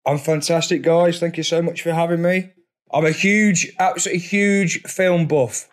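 A comedian in his thirties guests on a podcast. His voice sits a little high, and he delivers dry, self-mocking jokes. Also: fairly even intonation, normal speed. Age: 30s. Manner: dry, joking. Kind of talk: casual chat.

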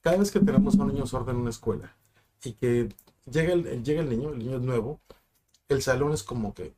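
On a relaxed podcast, a young sign language interpreter from Mexico reflects on his experiences through stories full of asides and fillers. He speaks quickly in a mellow, medium-pitched voice.

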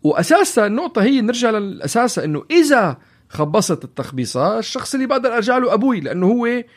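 A man's voice: high-pitched, very animated. A man with a Levantine Arabic accent hosting a casual discussion, repeating and restarting phrases and mixing in English. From lives in Canada. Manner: mixes in English phrases, repetitive halting phrasing. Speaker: podcast host.

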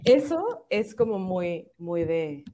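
A woman's voice: lowish voice, sing-song, takes it slowly, very noisy. A woman from Monterrey with a northern Mexican accent, co-hosting a casual film podcast and talking hesitantly with many restarts. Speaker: podcast co-host.

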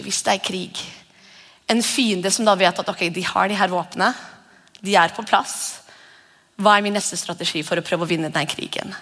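A woman's voice: mid-range voice, fairly bright tone. A woman pastor giving a conversational sermon and acting out whispered voices. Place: church hall. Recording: long church reverb.

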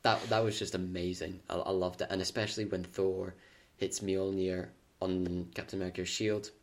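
A man with a very deep voice chats on a podcast. He rambles with enthusiasm and chips in with short agreeing replies. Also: flat delivery, moderate pace, a little hiss or hum. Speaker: podcast co-host. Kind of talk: casual chat.

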